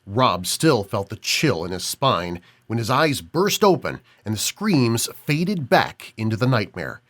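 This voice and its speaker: A man narrating a suspense audiobook in a measured, dramatic way, dropping low on key words. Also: sing-song, a bit bright.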